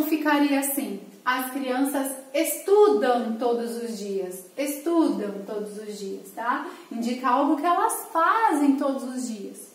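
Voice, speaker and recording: Brief: woman schoolteacher, high voice, patient and clear, echoey room. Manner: clear, patient, explanatory, frequent "tá?" check-ins. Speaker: teacher. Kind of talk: recorded online lesson for children.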